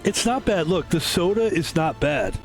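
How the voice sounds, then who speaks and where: A man's voice: a little high, animated, moderate pace, faint music behind. A young man from Philadelphia streaming a game, chatting casually and rambling through stories with many restarts. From Philadelphia, USA. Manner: rambling, self-interrupting storyteller.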